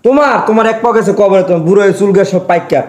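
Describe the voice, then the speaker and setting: A man playing a shrill, scolding stingy son. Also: rapid-fire, a little mellow, natural voice. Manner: scolding, hectoring rhetorical questions. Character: stingy hot-tempered grown son, berating his mother. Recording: echoey room.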